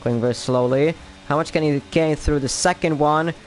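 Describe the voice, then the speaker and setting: A man's voice: on the high side, moderate pace, a little hiss or hum. A young man with a Polish accent commentating a sim racing league qualifying session live, thinking aloud between laps and lifting sharply whenever a lap time lands. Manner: lifts sharply and speeds up on lap times, otherwise thinks aloud. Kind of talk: live esports race commentary.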